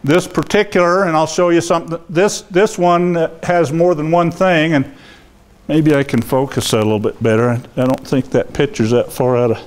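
An older man, a guest speaker, gives an informal public lecture at a library to a seated audience, wandering the room with a lapel mic. His voice is a little high and steady at a normal speed, and his loose, rambling talk is full of fillers and restarts. He mentions that he has a loud voice, and the recording is rough.

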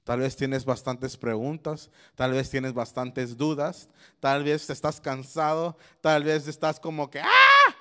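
A man's voice: medium pitch, flat delivery, unhurried, smooth. A young adult man giving a youth sermon, switching between Spanish and English and telling stories with lots of animation. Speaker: youth pastor.

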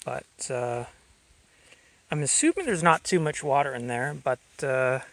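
A man's voice: mid-range voice, a little slow, gravelly, fairly bright tone. A young man casually narrating an outdoor vlog on a handheld camera, rambling with many fillers as he thinks aloud. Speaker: vlogger showing a fuel tank. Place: outdoors in a grassy yard. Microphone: handheld camera mic.

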